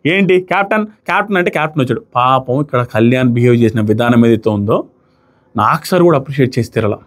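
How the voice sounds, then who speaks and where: A man's voice: mid-range voice, expressive, fast. A man reviewing a reality show in casual, argumentative talk, often acting out what contestants said. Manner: emphatic, argumentative, re-enacts quotes loudly.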